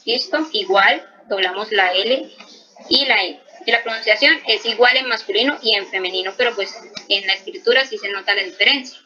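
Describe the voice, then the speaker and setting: A woman's voice: mid-range voice, normal speed, bright, forceful tone, highs cut off. A woman teaching French grammar to Spanish speakers, explaining patiently and checking in often. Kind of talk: slow explanatory language lesson.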